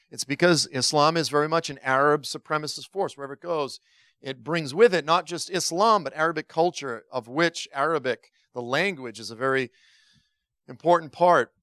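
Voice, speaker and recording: A man's voice: fairly high pitch, bright, forceful tone, smooth, no room sound, clean studio sound. A man giving a conversational Bible teaching talk to a congregation, informal and joking, with frequent restarts and asides.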